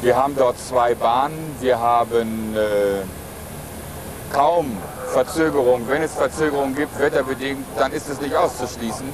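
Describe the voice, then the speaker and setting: A middle-aged man gives explanatory interview answers as an airline captain. His voice has a medium pitch, with clear aircraft noise behind it. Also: moderate pace.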